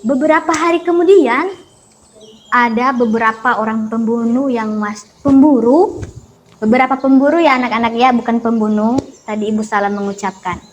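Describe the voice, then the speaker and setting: A woman teacher narrates an animal fable to young children with a lively storytelling delivery. Her voice sits high, and faint outdoor sounds of birds and crickets hum behind her. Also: moderate pace. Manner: lively, addressing pupils directly. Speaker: primary school teacher.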